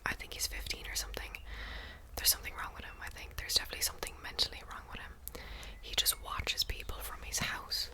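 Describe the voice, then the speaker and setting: A woman whispering ASMR close to the mic in a casual book chat, breathy and unvoiced, softly repeating words and phrases. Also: fast talker. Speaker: book review vlogger.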